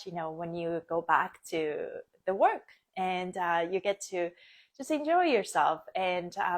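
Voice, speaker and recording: A woman born and raised in Japan, hosting a casual live stream, chatty with frequent laughs and many fillers. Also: fairly low pitch. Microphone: phone or webcam, live stream.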